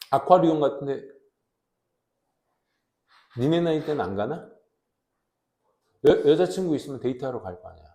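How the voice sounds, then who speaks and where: A man in his forties teaching a high school English class in a casual, joking way, reading English slowly and translating it. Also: sing-song, creaky, darkish tone, echoey room. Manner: chatty, jokes with students, asks them questions; reads English slowly, then translates into Korean.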